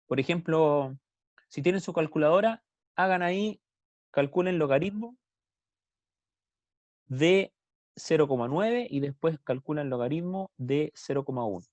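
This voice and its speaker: A man's voice: a little high, unhurried, long pauses, a little mellow, dry recording, lo-fi sound. A man with a Chilean Spanish accent teaching a math class on a video call, explaining step by step and asking students questions. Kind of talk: online class lecture.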